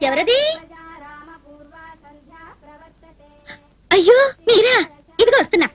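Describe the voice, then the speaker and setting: A very high, girlish voice tumbles out quickly a naive young woman who is eager and easily hurt. The sound is dry and close, like a studio dub. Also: expressive, no echo, lo-fi sound. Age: young adult. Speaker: film character. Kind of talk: dubbed film comedy dialogue.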